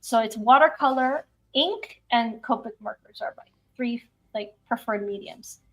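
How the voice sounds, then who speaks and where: Higher-voiced woman, sounding far from the mic. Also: a little slow. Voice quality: distant-sounding, away from the mic. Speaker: artist and show host. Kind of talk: casual chat while showing artwork. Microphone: speaker sitting far from the microphone. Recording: distant from the microphone.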